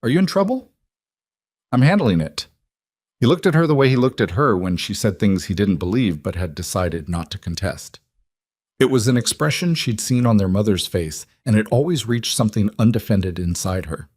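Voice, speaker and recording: A man narrating a scripted dramatic story in an even, steady storytelling manner. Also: fairly low pitch, brisk, dry recording, studio quality.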